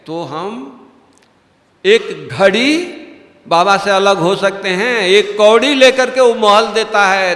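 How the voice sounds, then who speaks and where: A man's voice: high-pitched, fairly bright tone. A man giving a devotional class as a spiritual teacher, preaching emphatically with rhetorical questions. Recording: echoey hall.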